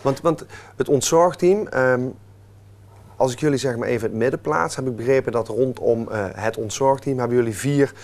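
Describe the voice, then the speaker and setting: A man hosting a local television talk show. He introduces his guest and keeps the conversation going with friendly, prompting questions in an ordinary, mid-pitched voice. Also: normal speed, darkish tone. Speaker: TV show presenter.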